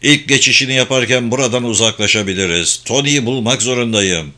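A man voicing a weary, gruff older male veteran who speaks in a fatherly way in an audiobook. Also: mid-range voice, brisk, pushed and bright, lightly acted. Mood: urgent.

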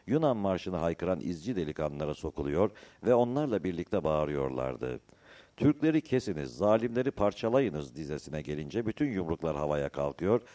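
A man narrating a novel in a measured storytelling manner. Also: very deep voice, warm tone. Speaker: audiobook narrator.

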